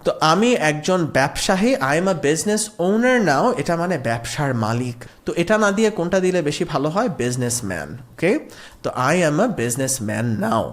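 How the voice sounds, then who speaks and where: Lively man teaching English. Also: a little high. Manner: repeats example sentences slowly, explains in Bengali; lively, sing-song emphasis. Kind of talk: spoken English lesson.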